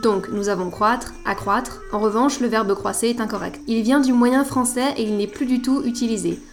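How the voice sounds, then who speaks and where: A woman's voice: on the high side, normal speed, soft background music. A woman hosting a scripted educational podcast, didactic and playful with teasing asides. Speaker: podcast host.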